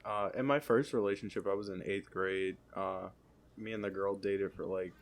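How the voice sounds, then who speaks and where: A young man chatting casually on a podcast, relaxed and hesitant, with many fillers. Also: low voice, moderate pace, vocal fry. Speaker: podcast co-host. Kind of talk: casual chat.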